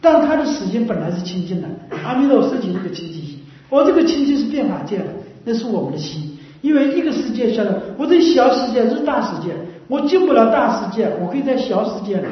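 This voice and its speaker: A woman's voice: on the high side, very animated, fast. A woman giving a Buddhist dharma talk who explains in a repetitive way and keeps asking listeners short rhetorical questions. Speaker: Buddhist teacher. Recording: very echoey room, mic far off, dull lo-fi sound.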